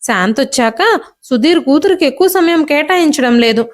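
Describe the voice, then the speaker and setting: A woman narrating an emotional family story in a steady, expressive reading. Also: high-pitched, normal speed.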